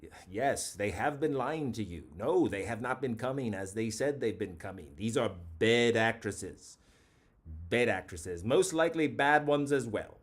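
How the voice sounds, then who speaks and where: A mid-pitched man hosts a late-night comedy call-in show at an unhurried pace. His talk is mock-grandiose and rambling, with lively intonation, and he keeps circling back over his own phrases as if savouring them.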